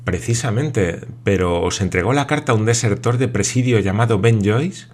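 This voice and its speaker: A man's voice: fairly low pitch, moderate pace, darkish tone, natural voice. A man voicing a bewildered lord who presses question after question. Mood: urgent questioning.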